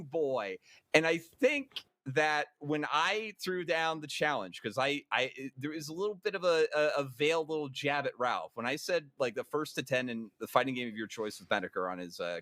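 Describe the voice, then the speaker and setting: A streamer telling a story in a rambling, amused way during casual commentary chat. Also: male voice, mid-range voice, fairly quick, hardly any pauses, bright, forceful tone, no echo.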